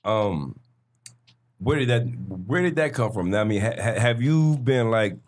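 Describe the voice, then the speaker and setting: A man's voice: mid-range voice, animated, unhurried. A young man co-hosting a studio podcast, asking questions with hesitant fillers. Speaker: podcast co-host. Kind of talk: casual podcast chat. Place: small studio with dark backdrop. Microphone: studio mic with headphones.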